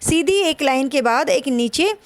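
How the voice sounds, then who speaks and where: A woman teaching a Hindi grammar lesson for an exam, slow and explanatory, repeating her points. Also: high-pitched, animated, slight background noise.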